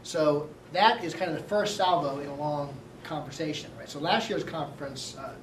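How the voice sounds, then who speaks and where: A man lecturing a university class, talking quickly and excitedly and often checking in with "right?". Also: fairly high pitch, far from the mic. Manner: fast-talking, excitable, many "right?" tags. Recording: echoey classroom recorded from afar, noisy.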